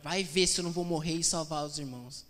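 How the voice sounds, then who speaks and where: A preacher quoting a blunt, commanding Jesus. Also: male voice, a little high, quick pace, a bit bright, long reverb tail, close to an everyday voice. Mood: firm. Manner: firm, curt, commanding. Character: firm, blunt male Jesus.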